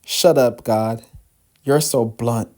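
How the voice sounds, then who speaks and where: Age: 30s. Sex: man. Figure: a man reading a gruff, easily embarrassed uncle. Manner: curt, grumbling. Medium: manga read-aloud. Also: medium pitch, takes it slowly, a little mellow, close to an everyday voice.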